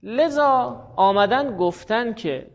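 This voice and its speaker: A male teacher giving a classroom grammar lesson, explaining step by step, repeating forms slowly and quizzing students by name. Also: very high-pitched, animated, gravelly, muffled recording.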